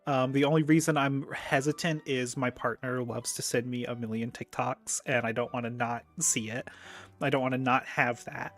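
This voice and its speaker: A man at an everyday middle pitch hosts a loose, casual chat show. He rambles through his points with plenty of ums and drops swear words offhandedly. Faint music sits underneath his voice. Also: fairly even intonation, moderate pace, a bit bright. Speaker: host.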